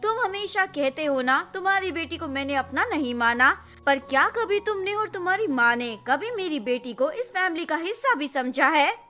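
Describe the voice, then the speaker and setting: A young wife and mother speaks with hurt and defiance in a high voice, as a woman narrator reads her part. Her tone is reproachful. The voice is bright and clear. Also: animated, normal speed, few pauses, soft background music. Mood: bitter. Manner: bitter and reproachful.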